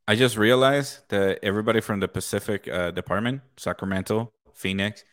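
A man with a fairly low voice, recorded close and dry, chatting about sports. He talks like a laid-back frat bro, swearing casually and tossing in "dude" and "man" as he banters with his co-host. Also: a little fast, a bit bright, dry recording. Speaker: co-host of a sports talk live stream.

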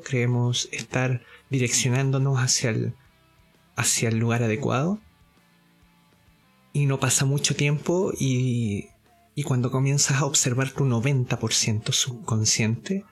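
Slow, deliberate male teacher. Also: mid-range voice. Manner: deliberate, explaining step by step with frequent checks for understanding; hesitant fillers and self-repeats. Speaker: course teacher. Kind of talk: spoken lesson.

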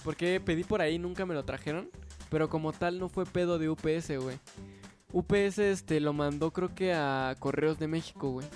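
Slangy high-voiced young Mexican man. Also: normal speed, faint music behind. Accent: Mexican Spanish. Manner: slangy, swearing, animated storytelling. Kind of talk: casual chat.

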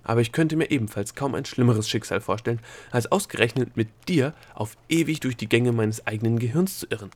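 A man voicing a sharp-tongued, sarcastic young princess in an audiobook. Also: mid-range voice, brisk, hardly any pauses, close to an everyday voice. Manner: snappy, sarcastic. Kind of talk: audiobook character voice.

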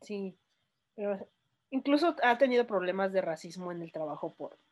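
A woman's voice: medium pitch, normal speed. Mexican woman hosting a casual podcast. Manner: relaxed, storytelling with jokes. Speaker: podcast host.

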